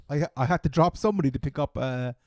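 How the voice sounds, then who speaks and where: Man, Cork Irish accent, mellow dark tone, casual sports chat, halting restarts, close dry sound. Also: fairly high pitch, dry recording. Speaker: fantasy football podcast co-host.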